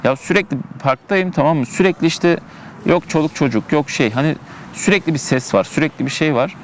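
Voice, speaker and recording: A man narrates his gameplay casually outdoors in a park, chatting, thinking aloud, and often saying things twice. His voice is a little high and a little fast, with a faint hiss or hum in the recording.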